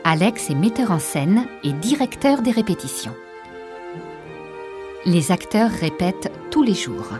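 A woman narrating a learner's storybook in a slow, clear, evenly articulated way. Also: mid-range voice, over music. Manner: slow, even and carefully articulated. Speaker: audiobook narrator.

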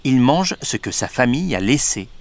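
A man reading a children's story aloud in an expressive, unhurried way. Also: medium pitch. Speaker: narrator.

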